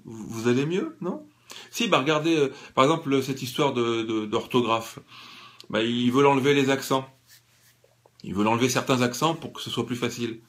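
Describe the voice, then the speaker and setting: An ironic man talks to his viewers in a casual satirical monologue. He hesitates often and fills the gaps with fillers, and his voice sits in a middle pitch. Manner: ironic, halting, many fillers. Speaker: vlogger.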